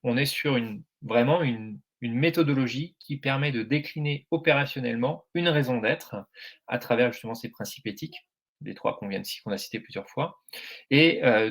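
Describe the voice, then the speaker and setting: A man's voice: mid-range voice, normal speed. A French man giving a presentation at a meetup, speaking hesitantly with many fillers and restarts. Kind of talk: presentation talk.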